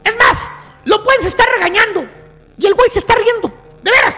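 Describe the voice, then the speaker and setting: A man with a Mexican accent hosting a comedy radio show, mocking and rowdy, often breaking into shouts. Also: very high voice, brisk, soft background music.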